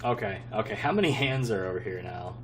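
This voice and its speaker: A man's voice: fairly low pitch, animated, a little fast, soft background music. Man streamer bantering and swearing. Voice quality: swears freely, dry joking banter. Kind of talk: casual live-stream chat while gaming.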